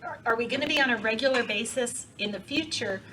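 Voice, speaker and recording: A woman's voice: on the high side, quick pace, bright, forceful tone. A woman on a committee asking rambling, careful questions at a public meeting. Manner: rambling, thinks aloud while asking. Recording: distant mic, faint noise.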